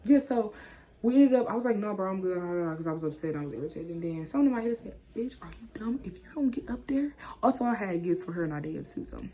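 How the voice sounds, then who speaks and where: Animated young woman telling a story. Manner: animated, acts out quotes with sudden whispers and high squeals. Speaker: vlogger. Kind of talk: casual storytime chat.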